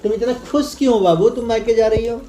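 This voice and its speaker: A man's voice: very high voice, fast, dark tone, slight background noise. A man hosting a casual home vlog, teasing and coaxing his wife in an affectionate way. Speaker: vlogger.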